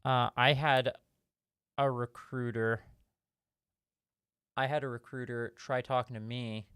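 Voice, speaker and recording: A man's voice: mid-range voice, little pitch movement, slow, fairly bright tone, clean tone, dry recording, clean studio sound. A man hosting a casual live-stream Q&A, reading viewer questions and rambling through his answers with lots of fillers and restarts.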